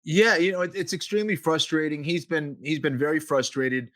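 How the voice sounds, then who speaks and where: A man co-hosting a sports podcast, talking in a loose, relaxed way with lots of "you know" fillers. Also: on the high side, brisk, no echo, clean studio sound. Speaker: podcast co-host, fight analyst. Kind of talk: casual sports podcast chat.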